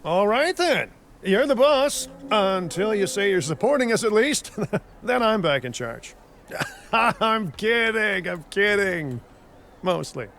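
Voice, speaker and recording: An actor playing a flippant, self-serving dinosaur park boss in a video game, glib and joking. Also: male voice, sits high, very animated, slow, fairly bright tone, heavily acted. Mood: joking, upbeat. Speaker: park boss giving instructions. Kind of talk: video game character dialogue. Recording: clear vehicle and outdoor ambience noise.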